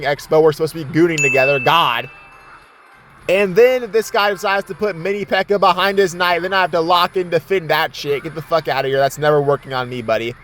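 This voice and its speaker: A man's voice: fairly high pitch, a bit bright. A young man giving casual, profane gameplay commentary, trash-talking his opponent with laughing asides. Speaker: gaming commentator.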